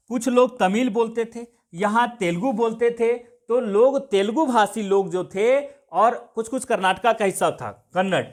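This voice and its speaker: High-voiced man lecturing a class. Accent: Jharkhand Hindi. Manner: repetitive, asks and answers own questions. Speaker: exam coaching teacher.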